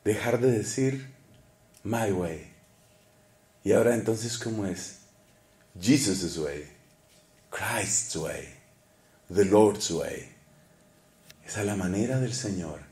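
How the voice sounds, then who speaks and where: Animated priest preaching. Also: male voice, medium pitch, reverberant. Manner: animated, asks the congregation questions, dramatic shifts between loud and hushed. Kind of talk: sermon.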